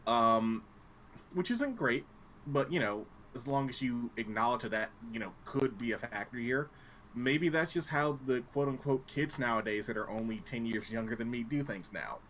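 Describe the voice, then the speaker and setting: Wry, joking podcast co-host, late twenties. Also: male voice, mid-range voice, lively intonation, moderate pace, fairly bright tone, slight background noise. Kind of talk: casual chat.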